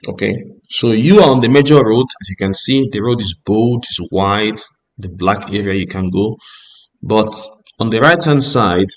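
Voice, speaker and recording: In a fairly low voice, a man gives a driving theory lesson, reading each rule aloud before patiently explaining it. He often checks that listeners follow with a quick "Ok?"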